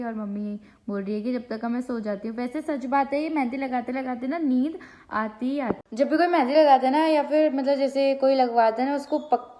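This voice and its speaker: A young woman vlogs from her home and speaks into a phone camera. Her voice sits a little high. She chats casually and tells stories in an animated way, repeating words for emphasis. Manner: chatty, animated storytelling with repeated phrases. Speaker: vlogger. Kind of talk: casual home vlog chat. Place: at home, indoors.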